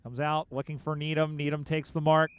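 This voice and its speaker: A man giving live play-by-play commentary on a football match, calling the action quickly and getting louder on big plays. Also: on the high side, clean tone. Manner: rapid play-by-play, rising excitement on big plays. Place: outdoor sports field.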